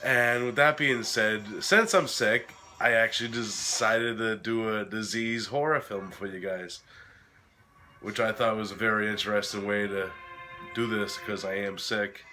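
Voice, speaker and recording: Sick man with a cracked, bright voice. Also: fairly low pitch, fairly even intonation, measured pace, soft background music. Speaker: host of a horror film review series. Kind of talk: casual video review.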